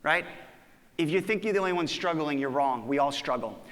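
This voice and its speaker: A man giving a motivational conference talk, animated and acting out voices when he quotes people. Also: a little high, brisk. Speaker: conference speaker. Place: large conference hall. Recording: reverberant conference hall.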